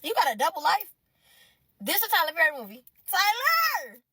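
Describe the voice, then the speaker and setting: Brief: high bright-voiced woman, animated storyteller, talks to "y'all," laughs a lot. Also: quick pace, dry recording, far from the mic. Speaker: storyteller in a clip. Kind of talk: casual storytime to the camera.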